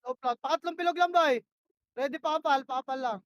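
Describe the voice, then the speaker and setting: Very high-pitched woman calling game plays. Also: a little fast, no room sound, lo-fi sound. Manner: barks short repeated commands, swears when frustrated. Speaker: team shotcaller in a tactical shooter match. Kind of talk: rapid in-game voice comms.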